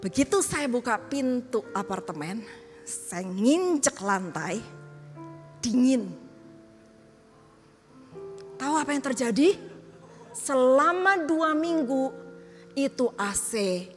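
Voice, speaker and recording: A woman's voice: sits high, slow, pauses often. A middle-aged woman pastor preaching a sermon, telling personal stories and acting out the dialogue. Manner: lively storyteller, acts out quoted dialogue. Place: church hall. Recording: long church hall reverb, faint music.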